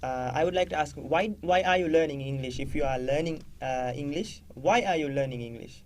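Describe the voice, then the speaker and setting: A man who is a guest on a radio show, talking in a hesitant, halting way. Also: fairly high pitch, a little hiss or hum. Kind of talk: conversational English on radio.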